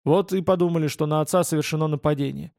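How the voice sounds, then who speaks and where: A man narrating a first-person fantasy audiobook in a calm, steady reading voice. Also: on the high side, fast talker, gravelly, no room sound, studio quality.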